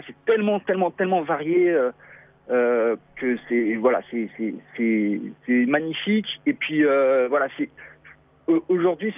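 A man's voice: on the high side, dry recording. Man on a thin phone-like line. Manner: halting, thoughtful, many restarts. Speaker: guest traveler. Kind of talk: radio interview. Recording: thin phone-like dry sound.

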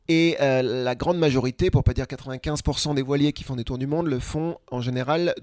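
A man telling his travel story in a casual, lively interview, running through lists of places. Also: medium pitch, a little fast, no echo, clean studio sound. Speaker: guest, traveler and speaker. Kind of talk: conversational storytelling.

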